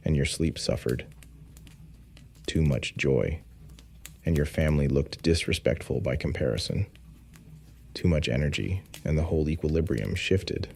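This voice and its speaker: A man narrating a scripted bedtime history story in a calm, unhurried way, with wry asides. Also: rumbling low.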